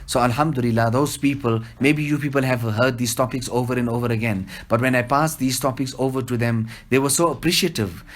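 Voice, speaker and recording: A man giving a devotional teaching, telling stories and slowing down to stress key points. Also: medium pitch, fairly even intonation. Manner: storytelling, quotes couplets, slows for emphasis. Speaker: religious teacher. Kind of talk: devotional discourse.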